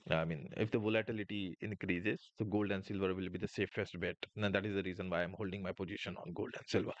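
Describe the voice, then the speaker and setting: A man's voice: on the low side, no echo, muffled recording. A man hosting a live trading stream, explaining market moves and answering chat questions with frequent filler sounds.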